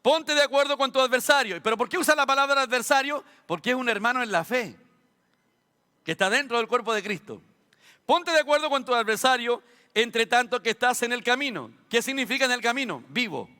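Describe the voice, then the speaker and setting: A man's voice: very high voice, animated, a little fast, pushed and bright, clear, resonant tone. A Chilean man preaching a sermon as a pastor, asking rhetorical questions and dropping humorous asides. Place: church sanctuary. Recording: long church hall reverb.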